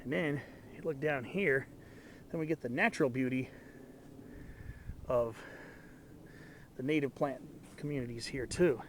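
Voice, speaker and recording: With a mid-range voice, measured pace, and long pauses, a congested young man from Southern California vlogs his hike along a canyon trail, recording on a camera as he walks. He rambles casually and enthusiastically, adding botanical asides, over a little hiss or hum.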